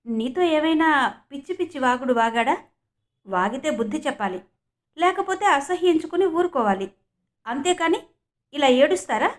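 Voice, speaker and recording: A woman's voice: sits high, expressive. Woman voicing spirited young woman Uma. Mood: indignant. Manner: indignant, rapid questioning.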